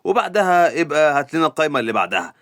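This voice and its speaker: A man voicing an aggressive, boastful male hitman who taunts in Egyptian Arabic in a slightly lower voice. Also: sing-song, very fast, fairly bright tone, no room sound, studio quality. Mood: taunting.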